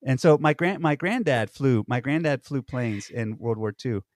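A man's voice: medium pitch, lively intonation, normal speed, no room sound, clean studio sound. Rambling man telling stories. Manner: rambling storyteller, many fillers and restarts. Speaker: podcast co-host. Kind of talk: casual conversation.

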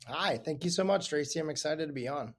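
A man speaking as a guest in a podcast interview, relaxed and conversational with many fillers. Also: fairly high pitch, fairly quick. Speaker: guest, company director. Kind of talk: casual interview chat.

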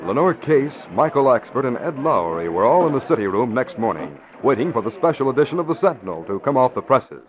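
A man reads a script as an announcer and narrator in emphatic, polished 1940s radio style, his medium-pitched voice sing-song and brisk with few pauses. It's a dull, lo-fi old radio recording.

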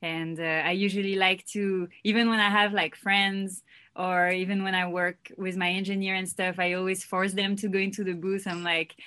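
Here a young Frenchwoman, a guest singer-songwriter, gives a casual interview in a clear, resonant, medium-pitched voice at a moderate pace. Her relaxed, loose delivery is full of "like" and "you know."

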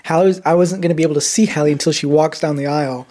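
A man's voice: a little high, fairly even intonation, rapid-fire, dark tone. Rambling young man telling a story. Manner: rambling storyteller, many fillers and restarts. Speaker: podcast co-host. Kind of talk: casual chat.

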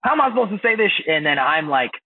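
A man from Indiana chatting casually as a podcast host, halting with many fillers and restarts. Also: on the high side, big pitch swings, no echo. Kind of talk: casual chat. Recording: dry, phone-like, husky sound.

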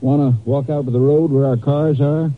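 A man playing a plain-spoken, helpful sheriff with a husky voice in a radio crime drama. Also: mid-range voice, fairly even intonation, moderate pace, slight background noise, natural voice. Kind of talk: old-time radio crime drama acting. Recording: muffled vintage radio recording.

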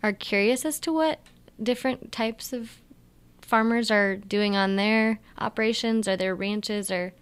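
A woman's voice: medium pitch, measured pace, clean tone. A woman co-hosting a podcast, an agriculture journalist, asking questions in a friendly, encouraging way. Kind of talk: casual interview.

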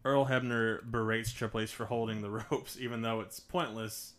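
A man's voice: lowish voice, steady tone, moderate pace, a bit bright. Chill guy on a podcast walking through a match move by move. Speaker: podcast co-host. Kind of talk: play-by-play recap of a match.

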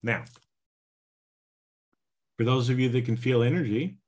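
Podcast coach, male, unhurried and deliberate, casual teaching tone. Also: medium pitch, a little mellow. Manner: slow, drawn-out, frequent "right?" and "okay?" tags. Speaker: podcast host and healing coach.

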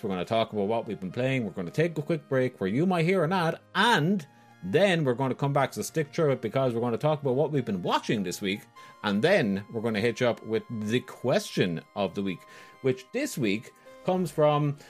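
Man, podcast host, mid-pitched, very lively intonation, informal, playful, upbeat chat.

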